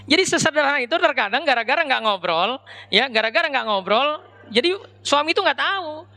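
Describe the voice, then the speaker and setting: Bright-voiced, chatty male preacher. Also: extremely high pitch, lively intonation, a little fast. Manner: chatty, addresses audience directly as Pak and Bu. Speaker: Islamic preacher. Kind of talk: conversational religious lecture.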